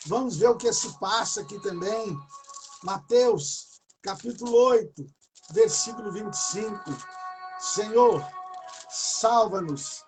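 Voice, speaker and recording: A man preaching at a prayer service, exhorting fervently with repetition, loud bursts and moments of speaking in tongues. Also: high-pitched, slow, faint music behind, rough recording.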